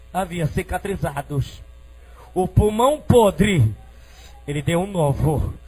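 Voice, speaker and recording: Fervent Brazilian preacher, middle-aged man, high voice, shifts from hushed storytelling to shouting. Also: breathy edge, low-quality recording. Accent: Brazilian Portuguese. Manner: fervent, swinging from quiet storytelling to shouted praise. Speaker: preacher giving testimony. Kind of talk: emotional preaching testimony.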